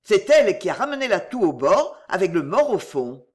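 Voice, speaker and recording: A reader doing a shaken rustic gamekeeper. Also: male voice, high voice, sing-song, normal speed, husky, heavily acted. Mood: urgent. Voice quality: rural working-class speech. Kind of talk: audiobook character reading.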